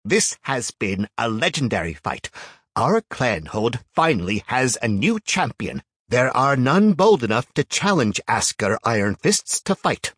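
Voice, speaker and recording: A pompous middle-aged chieftain's arbiter, haughty and booming, his voice pitched up and loud over the din, as a husky-voiced man puts him on. He talks down to everyone in a dry storybook reading. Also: sing-song, measured pace, no room sound, heavily acted. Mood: grandiose.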